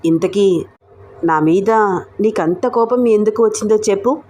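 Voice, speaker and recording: A woman's voice: medium pitch, measured pace, mellow, close to an everyday voice. Woman reading a teasing young college guy. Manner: playful, teasing.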